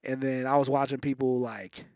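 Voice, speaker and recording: A man's voice: medium pitch, fairly even intonation, darkish tone, no room sound, clean studio sound. A young man hosting a podcast, chatting casually and rambling with loose swearing. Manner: rambling, swears freely, quick bursts. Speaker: podcast host. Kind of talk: casual chat.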